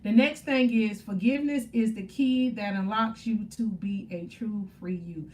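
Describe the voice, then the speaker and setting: Speaking at a normal speed in a mid-range, slightly mellow voice, a woman in her 30s answers viewer comments on her faith-focused livestream, upbeat and preachy in a casual chat. The audio is poor, with her far from the mic and a bit of hiss or hum.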